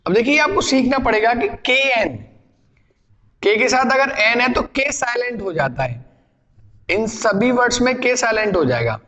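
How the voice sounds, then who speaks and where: A man's voice: very high voice, animated, moderate pace, bright, forceful tone, big-room sound. A man teaching a spoken English lesson, explaining patiently and asking and answering his own questions. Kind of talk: classroom lesson.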